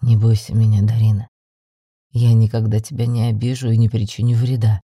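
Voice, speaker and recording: A woman doing a deep-voiced coaxing half-dragon man. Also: level tone, fairly quick, mellow, husky, dry recording, studio quality. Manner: low, coaxing and insistent. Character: young male half-dragon, possessive, softly menacing. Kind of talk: audiobook narration.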